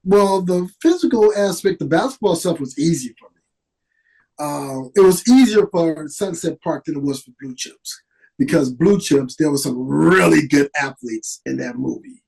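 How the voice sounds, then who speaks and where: A middle-aged man, an actor, telling stories in an animated, casual way as a podcast guest. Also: a little high, normal speed, vocal fry, slightly rough, rough recording. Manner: animated, lively storyteller with restarts. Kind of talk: casual interview storytelling.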